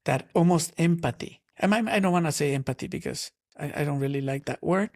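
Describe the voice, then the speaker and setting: With a fairly high pitch, this man from Guatemala talks as a guest in an interview about his life as an artist. He's slow and thoughtful, with many pauses while he hunts for the right word.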